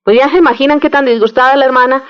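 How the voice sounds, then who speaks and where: A religious sister giving an earnest radio sermon, questioning listeners directly and telling a little joke. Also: female voice, sits high, fairly even intonation, racing, highs cut off.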